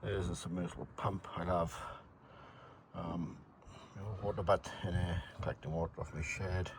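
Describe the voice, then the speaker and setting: A man's voice: low voice, steady tone, moderate pace, background noise. A man giving a casual, matter-of-fact hands-on demonstration in short, plain-spoken phrases. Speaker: hobbyist demonstrating a homemade gadget. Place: shed and garden, partly outdoors.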